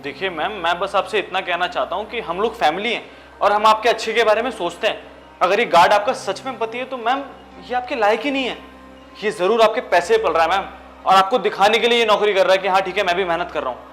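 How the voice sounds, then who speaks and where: A man's voice: sits high, fast, fairly bright tone, faint music behind. An actor playing a snobbish, rude male office worker who sneers at others while fawning over his boss. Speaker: office operator.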